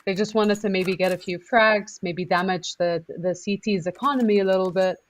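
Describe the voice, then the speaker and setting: Female co-caster, conversational, mid-pitched, analytical color commentary. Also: steady tone, moderate pace. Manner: chatty analysis, laughs often. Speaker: esports co-caster. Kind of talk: live game commentary.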